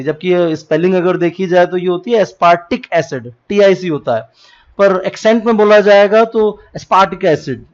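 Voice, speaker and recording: Speaking in a high, slightly mellow voice, a male teacher with a North Indian accent gives a classroom-style lecture. He drops in English terms and spells words out letter by letter, captured in a dull, lo-fi recording.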